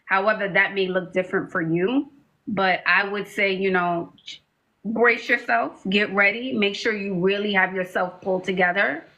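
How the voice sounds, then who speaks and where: A woman hosting a live call-in coaching show, talking in a sassy, animated, joking way. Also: mid-range voice, normal speed, lo-fi sound. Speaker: host, life coach.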